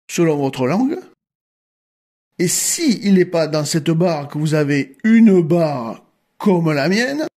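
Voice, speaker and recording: Slow husky-voiced man explaining to viewers. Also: a little high, darkish tone. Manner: friendly, slow and instructive, step by step. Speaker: coin collecting YouTuber.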